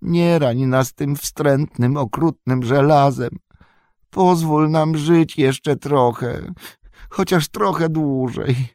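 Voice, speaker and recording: A man's voice: a little high, slow pace, darkish tone, no room sound, studio quality, pitched above the performer's own voice. A man voicing a wretched, groveling male creature in an audiobook who whimpers and hisses. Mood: pleading. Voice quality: sniveling, hissing.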